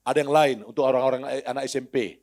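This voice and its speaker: A man preaching a sermon to a congregation in a church hall, alternating between quiet storytelling and loud shouted exhortation. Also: medium pitch, level tone, fast. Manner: addresses the congregation as friends, often calling out "hei". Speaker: pastor.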